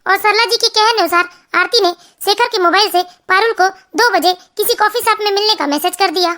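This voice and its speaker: Woman narrating a cartoon family story, really high bright voice, steady. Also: brisk.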